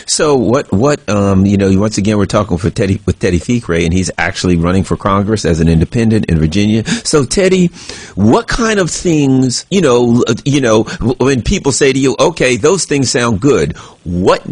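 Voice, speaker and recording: A man's voice: fairly low pitch, animated, moderate pace, a little mellow, slightly rough, no room sound. A man hosting a radio interview, asking long, rambling questions as he searches for the words. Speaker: radio host. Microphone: radio studio microphone.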